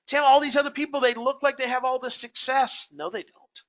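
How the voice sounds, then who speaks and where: A man's voice: very high-pitched, fairly even intonation, a little fast, a bit bright, lo-fi sound. A man hosting a motivational webinar, talking conversationally and putting direct questions to his audience. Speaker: webinar host.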